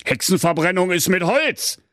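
A man plays a lazy, bored king in a comedic storybook tale, drawling slowly and bossily in coarse speech. The voice sits high with a strange, pinched timbre, recorded dry and close. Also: lively intonation, a bit bright, no room sound. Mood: blustering bossy. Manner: drawling, crude, bossy.

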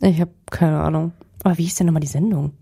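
A woman's voice: deep voice, fairly even intonation, quick pace, gravelly, dark tone, slightly rough. A woman co-hosting a casual podcast, eagerly guessing quiz clips and laughing easily. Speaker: podcast co-host. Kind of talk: casual chat.

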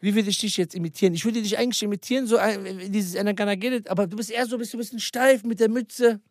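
A man co-hosting a podcast, joking and laughing in animated casual banter. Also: sits high, quick pace. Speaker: podcast co-host. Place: in Switzerland.

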